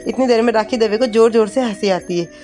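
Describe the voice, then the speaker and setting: Higher-voiced woman recapping a serial. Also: fast talker, dark tone, soft background music. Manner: plain storytelling, quoting dialogue. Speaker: TV serial episode recap narrator. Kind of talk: narrated episode recap.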